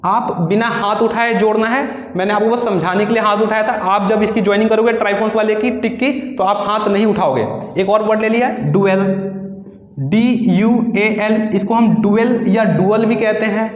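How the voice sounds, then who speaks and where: A man's voice: high voice, steady tone, moderate pace. A man teaching shorthand, explaining patiently step by step, repeating words and asking his students questions. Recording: echoey room with long reverb.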